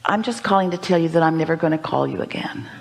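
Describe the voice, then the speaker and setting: A woman's voice: sits low, quick pace, vocal fry. A woman doing a breezy phone stranger.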